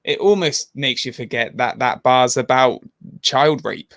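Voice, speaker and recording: Animated, blunt co-host, mid-pitched man, laughs through his points, dry close-miked sound. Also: unhurried, dry recording. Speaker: reaction video co-host. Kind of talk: casual chat.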